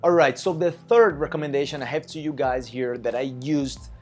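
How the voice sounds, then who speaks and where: A man's voice: medium pitch, moderate pace, darkish tone, faint music behind. A non-native English-speaking man with a Russian accent gives casual, chatty advice, peppered with filler phrases and acted-out bits of dialogue. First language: not English, learned it as a second language. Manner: chatty, frequent "you know", acts out little dialogues. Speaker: language-learning content creator. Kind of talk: casual advice talk to camera.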